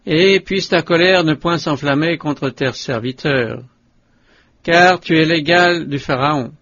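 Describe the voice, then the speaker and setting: A man reading the part of Judah, a grown brother begging a powerful ruler, humble and imploring in a scripted audiobook. The voice sits a little high for a man. The recording sounds dull and lo-fi. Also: slow, a bit bright, no room sound, exaggerated voice. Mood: pleading.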